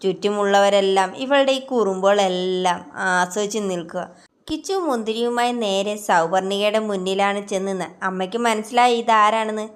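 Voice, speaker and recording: A woman reading a romance novel aloud in steady, scripted narration. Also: mid-range voice, moderate pace. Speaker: story narrator.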